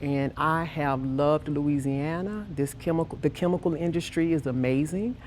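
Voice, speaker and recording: A woman's voice: low voice, moderate pace, a little mellow, a little hiss or hum. A woman guest on an industry panel who talks in an enthusiastic, emphatic way. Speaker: guest, methanol industry employee. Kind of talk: panel interview.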